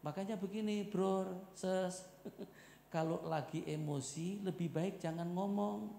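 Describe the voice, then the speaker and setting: A middle-aged man preaching a marriage seminar sermon, joking, loud and animated, calling for amen. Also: sits high, a little slow, vocal fry, a little hiss or hum. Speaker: pastor. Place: church hall. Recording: echoey church hall with long reverb.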